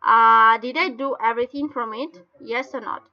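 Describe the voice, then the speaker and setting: A woman with a Russian accent explains things step by step in halting non-native English, like an informal online training session. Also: on the high side, steady tone. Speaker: webinar presenter. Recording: dull lo-fi webinar call audio.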